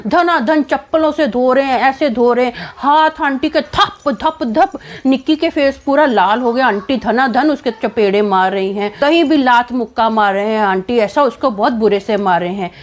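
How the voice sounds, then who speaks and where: High-voiced woman telling a dramatic story. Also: moderate pace, hardly any pauses. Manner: animated, dramatic retelling with fillers. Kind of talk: casual personal storytelling vlog.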